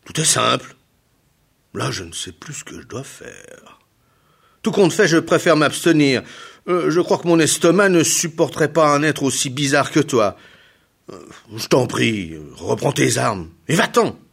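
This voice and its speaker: A man voicing a fire-breathing mountain ogre in a storybook tale, loud and exasperated. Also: fairly high pitch, expressive, a little slow, creaky, husky, voice pushed up, heavily acted. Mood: baffled, exasperated.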